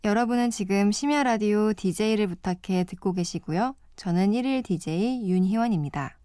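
A woman guest-hosting a late-night radio show, talking in a calm, reflective way from a studio. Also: mid-range voice, moderate pace, smooth.

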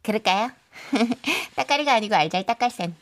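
A woman's voice: fairly high pitch, expressive, moderate pace, fairly bright tone. A young woman acting a cheeky new office employee in a radio comedy skit, talking breezily and full of slang. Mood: casual. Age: young adult.

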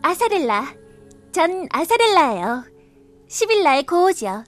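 High-voiced, feisty young sorceress. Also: female voice, measured pace, dry recording, full character voice. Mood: surprised. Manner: animated, theatrical. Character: impulsive, feisty young sorceress, earnest and proud. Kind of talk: radio drama acting. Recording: music under the voice.

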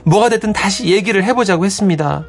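A man's voice: high-pitched, fast talker, faint music behind. Man reading a listener letter on radio. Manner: lively storytelling. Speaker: radio host.

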